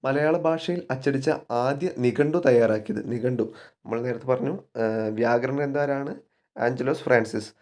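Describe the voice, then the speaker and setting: A man runs an exam-coaching lesson in a steady, mid-pitched voice. He poses questions, answers them himself, and repeats each key fact so it sticks. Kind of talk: spoken exam-prep lesson.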